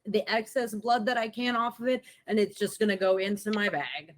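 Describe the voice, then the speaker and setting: A woman's voice: mid-range voice, fairly even intonation, brisk. A woman playing a tabletop game, chatting casually and hesitantly, with many likes and restarts. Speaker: player.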